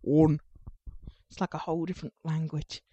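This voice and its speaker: A woman's voice: fairly low pitch, normal speed, a little mellow, no echo. An Englishwoman from Ipswich hosting a casual chat, rambling and teasing in a playful way. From England, Ipswich. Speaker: podcast host.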